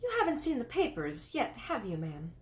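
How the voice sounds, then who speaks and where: A flustered middle-aged maid with a high, breathless voice that stammers and leaps up and down in pitch, as a woman reading aloud puts her on. She is anxious and deferential, a servant in a spoken storybook. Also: wildly swooping pitch, normal speed.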